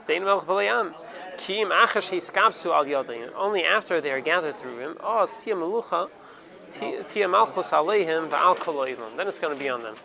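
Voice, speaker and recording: Halting man teaching over a crowd. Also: fairly high pitch, creaky. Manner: halting, repeats words, mixes Hebrew terms into English. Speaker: Torah teacher. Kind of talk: Talmudic study lesson. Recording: dull lo-fi recording with crowd behind. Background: crowd noise.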